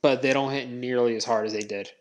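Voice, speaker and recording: A man speaks as a podcast co-host, chatting casually at a middle pitch. His delivery is informal and conversational, with a self-deprecating way of putting things. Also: fairly even intonation, fast, a crowd in the background.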